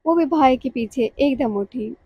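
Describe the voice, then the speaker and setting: A woman narrating a romantic novel in a measured, emotional reading. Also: high-pitched, husky, no room sound, lo-fi sound. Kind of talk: scripted audiobook narration.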